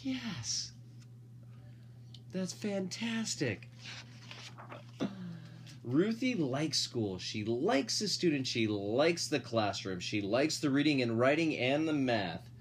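A father reads a picture book in a sing-song, medium-pitched voice, going slowly and pausing often. He draws out the words he wants to stress and throws in lighthearted, casual comments to his listeners.

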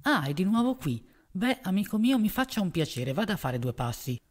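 A man's voice: high voice, big pitch swings, fairly quick, voice pushed up. A man reading aloud, voicing an embarrassed young sailor who speaks in a raised, flustered way.

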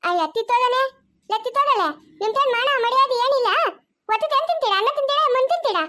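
A woman's voice: very high voice, expressive, fairly quick, full character voice. A woman playing an enraged older woman who hurls insults in a rural in an amateur family drama. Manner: shouting insults.

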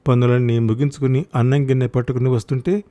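A man narrating a short story for an audiobook in a measured, expressive way. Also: medium pitch.

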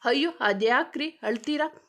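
A woman's voice: sits high, normal speed, a bit bright. A woman voicing a flustered, teasing young man who stammers his questions.

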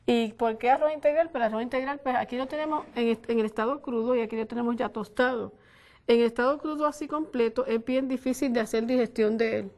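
A woman's voice: on the high side, fairly even intonation, a little fast, a little mellow. Puerto Rican woman demonstrating a recipe. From Puerto Rico. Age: older. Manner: homely, lots of diminutives. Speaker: guest cook. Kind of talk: cooking demonstration. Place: studio kitchen set. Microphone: lapel mic.

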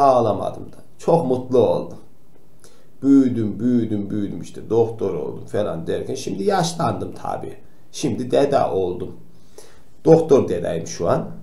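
A man playing a kindly old grandpa doctor who gently tells noisy children to stay quiet, in a comic role-play for kids. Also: lowish voice, creaky. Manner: gentle, admonishing, talks straight to the kids. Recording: roomy echo.

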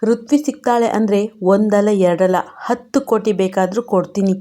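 A woman voicing a jealous, scheming young man who bitterly confesses his obsession, in a mellow tone. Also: medium pitch, steady tone, moderate pace, natural voice. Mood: ruthless.

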